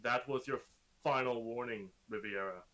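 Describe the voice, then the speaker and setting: A man's voice: medium pitch, moderate pace, fairly bright tone, lightly acted, rough recording. A man voicing an ancient male creator of monsters who speaks in a grandiose, commanding way. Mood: cold.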